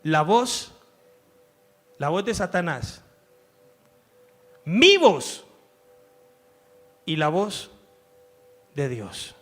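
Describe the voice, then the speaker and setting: Man, pastor, emphatic sermon, high voice, faint music behind. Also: very animated, very slow, long pauses, fairly bright tone. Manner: emphatic preaching, voices inner thoughts. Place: church.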